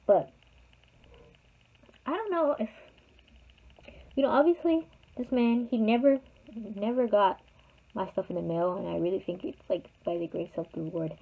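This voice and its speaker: A young woman vlogger tells her viewers a personal story in a casual storytime, rambling and chatty with plenty of fillers. Her mid-range voice is gravelly, at a moderate pace with long pauses, and the recording sounds tinny, like a phone.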